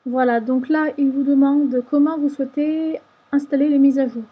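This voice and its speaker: A woman narrating a screen-recorded software tutorial, explaining each step patiently. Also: high voice, steady tone, moderate pace, narrow, tinny audio. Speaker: tutorial maker.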